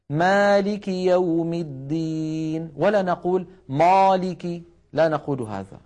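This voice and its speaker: A man with a fairly high voice leads a televised recitation lesson from a studio. He sounds out single syllables slowly and carefully, then explains how each one is formed. He keeps asking listeners at home to repeat after him. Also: darkish tone. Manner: repeats letter syllables to demonstrate, urges viewers to try at home. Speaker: Quran recitation teacher.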